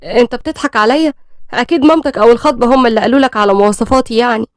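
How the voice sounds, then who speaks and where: A shy young bride speaking in Egyptian Arabic, soft and hesitant, polite and a little nervous, as a woman voices her. She talks quickly in a dry, close sound. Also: fairly high pitch, no echo, close to an everyday voice. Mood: playful.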